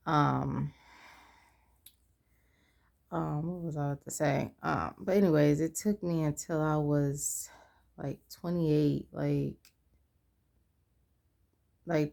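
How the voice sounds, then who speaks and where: A woman's voice: low-pitched, vocal fry, darkish tone. A tired woman in her twenties talking candidly in a personal vlog, rambling and losing her train of thought. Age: 20s. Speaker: vlogger.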